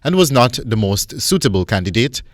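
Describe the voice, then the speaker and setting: A man's voice: mid-range voice, sing-song, normal speed, no echo, studio quality. A man with a Guyanese accent reading scripted narration as a news reporter.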